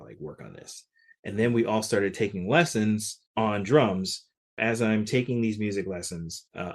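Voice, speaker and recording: A man from Connecticut, a session percussionist, telling stories in a relaxed interview with lots of "like" fillers. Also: lowish voice. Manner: relaxed, chatty, frequent "like" fillers. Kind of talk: casual interview storytelling.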